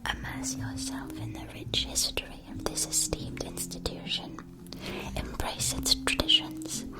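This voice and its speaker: A woman plays a gracious, gushing shopkeeper selling witch school supplies in an ASMR roleplay, whispering softly and breathily. Her slightly high voice is lightly acted, delighted, and unhurried, using genteel, formal, old-fashioned phrasing, though the audio quality is poor.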